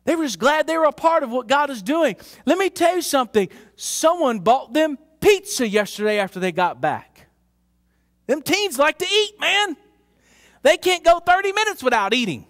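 A male pastor, preaching a fervent sermon in a church, whooping loudly at times and dropping to hushed lows. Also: no room sound, clean studio sound. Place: church sanctuary.

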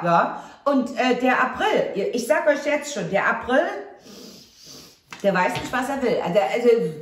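A woman doing a casual tarot reading to camera, effusive and exclamatory, addressing viewers fondly. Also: mid-range voice. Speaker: tarot card reader. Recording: roomy echo.

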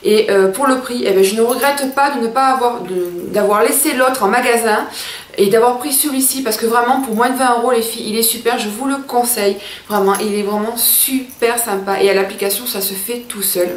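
Recorded indoors in a small room at home, this woman in her thirties is a beauty vlogger giving an upbeat, casual makeup review straight to camera and addressing her audience as girls. Her voice sits on the high side, moves a little fast, and sounds roomy.

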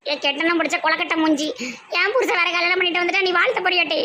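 Sharp-tongued woman with Tirunelveli accent. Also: extremely high pitch, fairly even intonation, very fast, slight background noise. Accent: Tirunelveli Tamil. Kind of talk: village comedy sketch.

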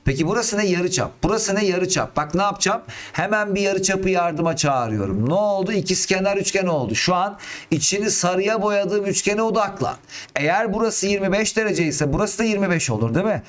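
A man's voice: high voice, lively intonation, fairly quick. A middle-aged man, a math teacher, talking through geometry problems step by step and asking himself questions as he works on a close mic. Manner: thinks aloud, asks himself questions.

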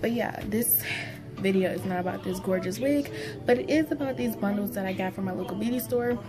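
Young woman, casual vlog review, rambling, stitched mouth after tooth extraction, mid-pitched voice, loud music behind, phone recording. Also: a little fast. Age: young adult. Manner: informal, rambling. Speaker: beauty vlogger. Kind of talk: casual product review chat. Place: small indoor room. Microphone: phone propped at arm's length.

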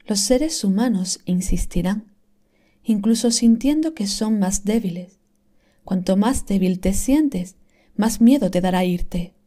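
Woman reader, calm scripted reading, mellow warm tone, unhurried delivery with hushed whispered moments. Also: mid-range voice. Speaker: reader of inspirational texts.

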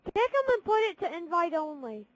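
Over a noisy headset in a game console party chat, a woman talks casually and bluntly, scolding other players. Her very high voice swings widely in pitch, she speaks fairly quickly, and there's no echo.

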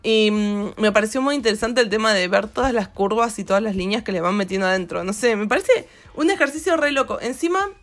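A woman's voice: medium pitch, a little fast, hardly any pauses. A woman with an Argentine accent, hosting an art channel and chatting casually and ramblingly over her drawing footage, with lots of fillers. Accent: Argentine Spanish.

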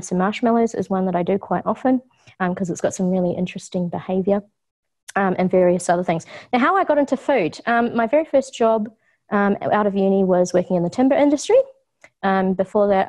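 A talkative middle-aged woman with a Kiwi accent delivers an informal community talk on food science from an office kitchen. Her mid-range voice runs a touch fast and sounds a little mellow, and she laughs easily amid frequent ums.

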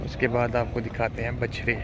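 Guy vlogging an outdoor cattle market, flat voice, noisy outside. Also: medium pitch, brisk. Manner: flat, repetitive, keeps praising the animals. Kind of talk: walking tour commentary. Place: outdoor livestock market under tents. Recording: outdoor noise behind voice.

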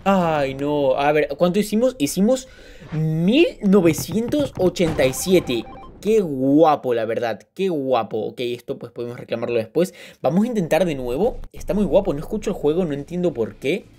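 A man hosting a gaming channel, giving casual, excitable gameplay commentary with many exclamations and filler words. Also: a little high, normal speed.

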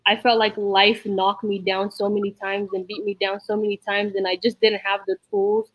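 A woman's voice: mid-range voice, normal speed, no room sound, poor audio. A woman in her twenties, born in Somalia, speaking earnestly and reflectively about her own life on a video call from a room at home. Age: 20s. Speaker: youth program member. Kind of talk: personal testimony on a video call. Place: room at home with a whiteboard behind. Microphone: laptop webcam video call.

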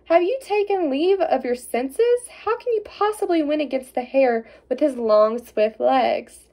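A woman's voice: high voice, expressive, measured pace, mellow. A woman reading a storybook aloud, voicing a shocked, protesting female hedgehog wife in a raised voice. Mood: alarmed.

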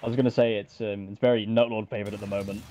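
A man doing lively, casual play-by-play commentary with quick reactions. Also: lowish voice, slight background noise. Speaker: esports commentator.

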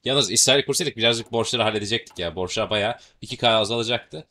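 Fast, bright-voiced Turkish man gaming. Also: lowish voice, slight background noise. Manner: chatty, joking, swears casually. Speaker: gaming channel host. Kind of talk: casual strategy game commentary.

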